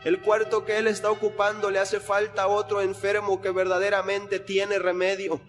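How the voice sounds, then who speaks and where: Young man, high and flat delivery, earnest testimony, echoing hall with faint music behind. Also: normal speed. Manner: earnest, retelling with repeated phrases. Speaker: person giving a testimony. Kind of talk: spoken religious testimony.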